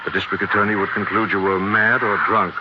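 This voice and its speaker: A man with an American accent playing a suave, menacing invisible crime-fighter in a 1940s radio mystery, speaking with deliberate, taunting theatricality. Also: on the low side, little pitch movement, natural voice. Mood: calm, reassuring. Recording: muffled, noisy 1940s radio recording.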